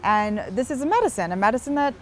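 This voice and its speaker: A woman's voice: fairly high pitch, sing-song, fast talker, slight background noise. A young woman being interviewed outdoors on a busy street, talking earnestly and at length, with frequent restarts. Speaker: interview guest.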